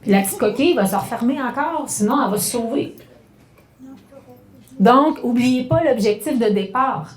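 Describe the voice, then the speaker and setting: A middle-aged woman with a Québécois French accent giving a spoken lesson on communication, talking conversationally and slowing down to act out examples. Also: a little high, expressive, reverberant. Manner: conversational, acts out examples with slowed, stressed phrases. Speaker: communication workshop speaker.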